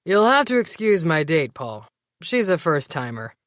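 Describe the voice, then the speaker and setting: A woman's voice: deep voice, very animated, normal speed, dry recording, studio quality. A woman voicing a smug, cool-voiced man full of bravado with a predatory tone.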